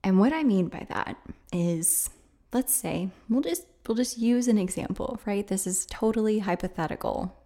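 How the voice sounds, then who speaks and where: A woman with vocal fry from a sore throat, slightly losing her voice, speaking candidly and hesitantly as a solo podcast host. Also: medium pitch, animated, normal speed, warm tone. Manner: hesitant, confessional, conversational.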